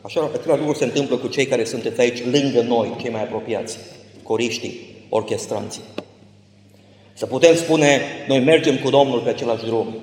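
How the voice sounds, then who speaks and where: A man's voice: mid-range voice, darkish tone. A man preaching an impassioned sermon as a pastor, swelling to emphatic peaks, in a church. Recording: echoey church hall.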